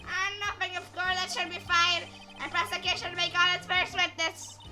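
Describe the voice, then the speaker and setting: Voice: extremely high pitch, completely flat delivery, normal speed, sharp tone, soft background music, pitched above the performer's own voice, full character voice. A player voicing a timid old male judge who speaks hesitantly and gives in easily. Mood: meek. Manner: meek, hesitant.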